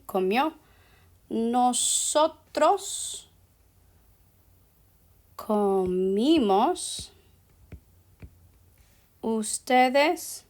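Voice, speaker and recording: Explaining verb endings at a very slow, deliberate pace, this female Spanish teacher has a slightly high voice with a little mellowness. English fillers such as "so" and "ok" keep popping into her talk.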